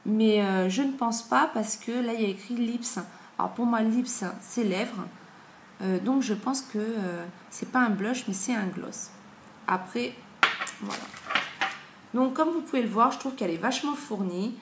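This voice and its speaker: A woman in her thirties talks through beauty products in a relaxed, chatty way and often pauses on fillers. Her voice sits at a middle pitch. It is recorded on a camera mic in an echoey room at home, with faint noise behind her. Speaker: beauty vlogger. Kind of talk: casual product review.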